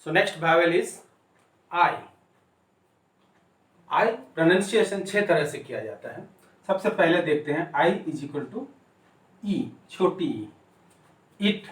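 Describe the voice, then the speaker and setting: A man teaching English pronunciation in a Hindi-language lesson, repeating each word and spelling it out letter by letter. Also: fairly high pitch. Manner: slow and deliberate, repeats and spells out words. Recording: echoey room, voice distant from the mic.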